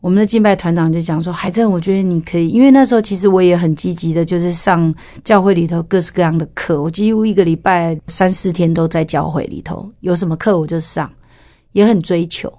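A middle-aged woman tells her personal testimony in a frank, storytelling way. Her voice sits a little low for a woman. She acts out the voices of the people she quotes. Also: brisk, warm tone, dry recording, clean studio sound. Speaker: church worship leader and former singer.

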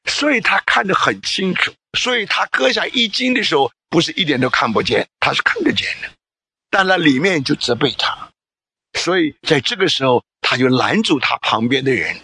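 Husky, lively-voiced male preacher. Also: on the high side, normal speed, no room sound. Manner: emphatic, asks the listeners rhetorical questions. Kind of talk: sermon with scripture reading.

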